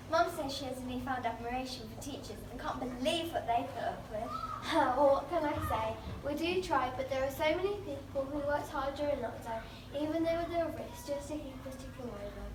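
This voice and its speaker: A woman's voice: high voice, moderate pace, noisy background, natural voice. A female performer playing a teacher talking with pupils in a school musical. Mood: conversational. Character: teacher chatting with pupils about lockdown. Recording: echoey school hall, distant mic.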